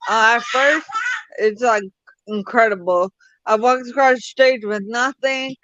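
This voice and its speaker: A young woman from the United States, an interview guest telling her personal story haltingly, with restarts, over a video call. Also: fairly high pitch, a bit bright, slight background noise. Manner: halting, many restarts and fillers. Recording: dull lo-fi call audio.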